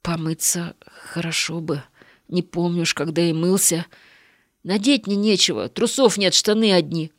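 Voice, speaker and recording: A woman's voice: lowish voice, no room sound, studio quality, natural voice. A woman voicing a ragged old beggar man. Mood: wary. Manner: mumbling, hurried and evasive. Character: ragged old male beggar, meek and wary.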